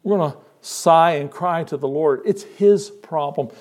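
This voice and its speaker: A male pastor preaching a sermon in a conversational way, moving between hushed asides and emphatic lines. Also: fairly high pitch, measured pace.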